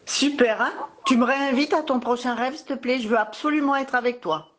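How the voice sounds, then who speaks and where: A woman's voice: high voice, brisk, fairly bright tone. A mother talking casually over the phone with her young child, in a playful, encouraging way. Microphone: telephone call.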